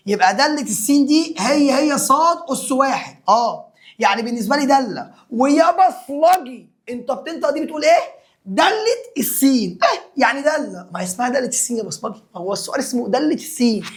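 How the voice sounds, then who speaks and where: Animated Egyptian man teaching math. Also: extremely high pitch. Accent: Egyptian Arabic. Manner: animated and teasing, addresses the student directly, makes sound effects while drawing. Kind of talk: math lesson to secondary students.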